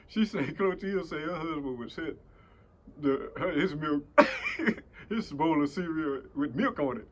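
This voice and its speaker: Older man, casual vlog host, slow chuckling storyteller with a fairly high voice. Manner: chuckling, rambling with many fillers and restarts; slow folksy preaching with scripture. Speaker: vlogger.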